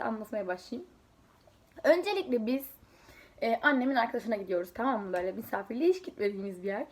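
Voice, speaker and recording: A chatty young woman talks straight to her viewers, telling her stories in a loose, rambling way. Her voice sits a little high, and she keeps breaking off into asides and small giggles. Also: darkish tone. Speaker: vlogger; student preparing for an exam. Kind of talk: casual storytelling to camera.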